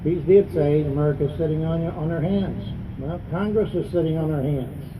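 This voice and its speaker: A man's voice: fairly high pitch, moderate pace, noisy background. Adamant man giving a campaign speech, distant mic. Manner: adamant, plain-spoken, repeating phrases for emphasis. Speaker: congressional candidate and veterans advocate. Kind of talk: campaign speech at a news conference.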